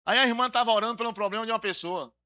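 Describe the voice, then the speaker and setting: Man, pastor mid-sermon; high register, very bright tone, soft-to-loud dramatic delivery. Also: very fast. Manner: dramatic preaching, acts out quoted voices, swings between soft and loud.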